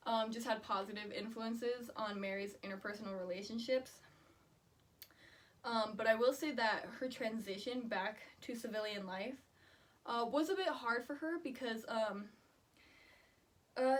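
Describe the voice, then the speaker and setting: A woman student giving a prepared oral presentation on her research in an earnest, explanatory manner. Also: on the high side. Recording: distant microphone.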